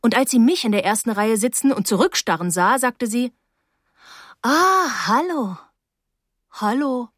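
A woman reading first-person narration for an audiobook in a lively, wry storytelling manner. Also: fairly high pitch, a little fast, hardly any pauses, no echo, studio quality.

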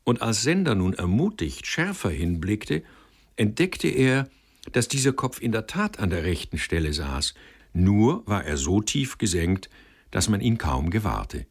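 A man narrating a storybook with deep, low pitch and lively, rising and falling intonation. His tone is husky. He tells the story expressively. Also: measured pace. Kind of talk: audiobook narration.

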